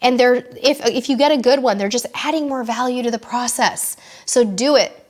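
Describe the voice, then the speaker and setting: A woman's voice: on the high side, a little mellow. A woman in her forties hosting a live cruise Q&A, chatting casually and reading out viewer comments in a bubbly way. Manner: bubbly and chatty, quick asides.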